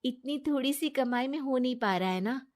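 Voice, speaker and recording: A woman's voice: high-pitched, normal speed, natural voice. A woman voicing a trusting, kind young married woman who talks earnestly, in a storybook drama.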